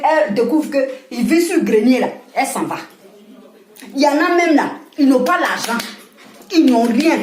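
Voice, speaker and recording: A woman with an Ivorian French accent, talking casually and scolding with animated laughs. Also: on the high side, echoey room. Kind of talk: casual monologue to camera.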